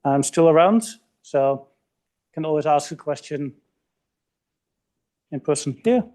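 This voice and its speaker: A man closes his talk in a relaxed, brief way. His voice is mellow and dark, set a little high for a man. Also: a little slow. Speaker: speaker. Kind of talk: closing a talk.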